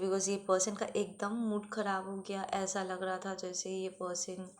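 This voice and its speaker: A woman reading messages to her viewers as a clairvoyant, in Hindi mixed with English, often checking in with "theek hai" and reading out letters and numbers one at a time. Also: mid-range voice. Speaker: clairvoyant reader. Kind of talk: channeled tarot-style reading to viewers.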